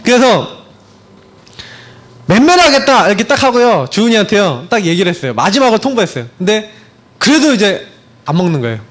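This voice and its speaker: A man's voice: high voice, very animated, fast. A man in his thirties, a pastor, preaching a conversational sermon full of rhetorical questions and acted-out anecdotes. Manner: acts out his own lines to his child.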